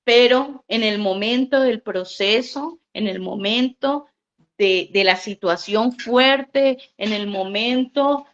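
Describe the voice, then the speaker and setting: Woman pastor, fairly high voice, slow deliberate sermon delivery, muffled lo-fi recording. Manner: slow, earnest preaching with emphatic repetitions.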